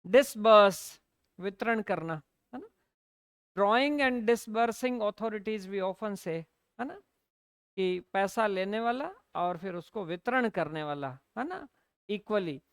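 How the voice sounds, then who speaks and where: Slow-spelling Hindi-woman teacher. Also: mid-range voice, expressive, dry recording, clean studio sound. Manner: explains in Hindi mixed with English, slowly spells out words, asks "है ना?" often. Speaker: English teacher. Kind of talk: classroom lecture.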